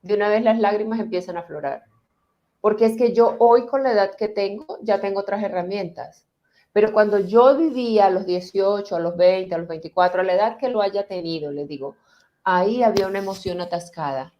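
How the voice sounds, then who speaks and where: A middle-aged woman speaks as a therapist, unhurried and soothing. She leads the listener gently through each step with steady pauses. Her voice sits at an ordinary middle pitch for a woman. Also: lo-fi sound. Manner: calm, slow, reassuring guidance with pauses. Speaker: transgenerational therapist. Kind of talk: guiding talk answering viewer questions.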